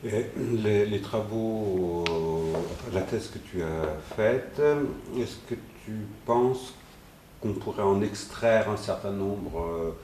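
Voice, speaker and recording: A man interviewing a guest, asking long questions in a searching, halting way. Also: on the low side, a little mellow. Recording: echoey room with faint noise.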